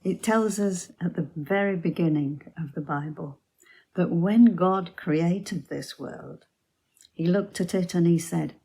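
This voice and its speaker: A woman giving a Bible teaching talk for her church, telling the story in a deliberate storytelling manner. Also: lowish voice, mellow, husky.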